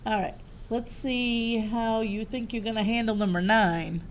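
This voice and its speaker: A woman's voice: a little high, fairly even intonation, measured pace, a little hiss or hum. A woman teaching a math lesson, upbeat and walking the class through each step.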